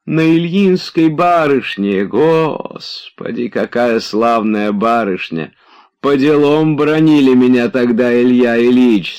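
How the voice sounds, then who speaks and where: Man playing fawning old servant, wheezy and hoarse, pitched up. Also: muffled recording. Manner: fawning, bowing and fussing.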